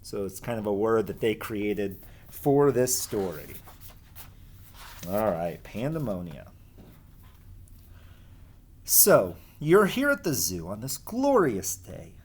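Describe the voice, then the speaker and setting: Speaking in a lowish, husky voice, a male teacher reads aloud to children at a slow pace with long pauses, very animated throughout. He's informal, explaining the material and asking his listeners questions.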